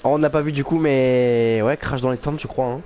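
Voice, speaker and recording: A man's voice: mid-range voice, fairly even intonation, brisk, mellow. A man doing informal live motorsport commentary on an online race, reacting with exclamations and thinking aloud. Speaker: motorsport commentator for an online sim racing league. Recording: clear background noise.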